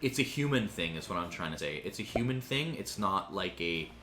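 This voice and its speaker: A man's voice: deep voice, expressive, a little fast, sharp tone, slight background noise. Profane rambling male game commentator. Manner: profane, rambling, restarts sentences. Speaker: gaming commentator. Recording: roomy sound with faint music.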